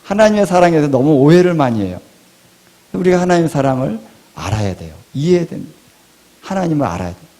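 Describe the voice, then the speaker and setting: A male pastor preaching a sermon, asking rhetorical questions and swinging between loud and hushed delivery. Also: on the high side, big pitch swings, quick pace. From Korea.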